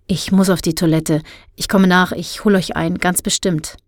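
A woman voicing a nervous, hurried teenage boy in an audiobook. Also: on the low side, fairly even intonation, dry recording, clean studio sound, natural voice. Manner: hesitant, hurried.

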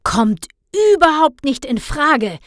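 A woman's voice: high-pitched, animated, slow, fairly bright tone, dry recording, clean studio sound, pitched above the performer's own voice, exaggerated voice. A woman voicing a grumpy, stingy middle-aged father who scolds and grumbles indignantly in a storybook reading. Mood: indignant grumbling.

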